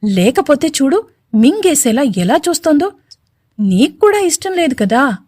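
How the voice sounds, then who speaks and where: A man's voice: extremely high pitch, very animated, measured pace, darkish tone, dry recording, studio quality, voice pushed up, exaggerated voice. A woman voicing an arrogant, short-tempered young male CEO in a storybook, speaking curtly. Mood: dismissive. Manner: curt, irritated.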